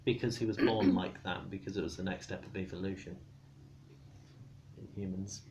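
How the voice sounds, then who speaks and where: A drunk man giving a rambling, casual explanation, halting and stumbling over his words, argumentative. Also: low voice, fairly even intonation, a little mellow, a little hiss or hum. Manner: swears casually. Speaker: storyteller explaining comic book lore.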